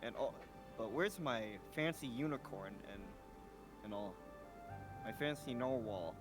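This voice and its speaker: Goofy fast-talking man player. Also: medium pitch, animated, music in the background. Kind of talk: casual tabletop play.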